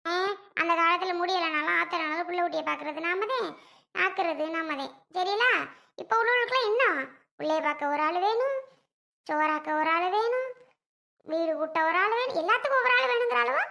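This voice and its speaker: Woman doing a high, gravelly-voiced old mother-in-law, sarcastic and nagging, skit role. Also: bright, forceful tone, full character voice. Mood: defiant. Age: older. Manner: nagging, sarcastic, drawn-out complaints. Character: scolding old village mother-in-law, sharp-tongued, boastful. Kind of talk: family comedy skit.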